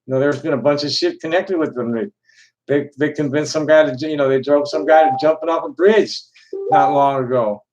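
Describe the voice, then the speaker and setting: Man, slightly high voice, casual rambling host, blunt, sweary, halting phrasing. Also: dull audio, background noise. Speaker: host of an online discussion.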